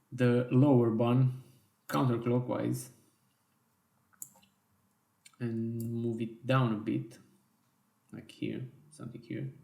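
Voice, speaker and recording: A man teaching a software design tutorial in slow, step-by-step instructions with small self-corrections, his voice worn and going hoarse. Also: medium pitch, echoey room. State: losing his voice. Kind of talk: screen-recorded software tutorial.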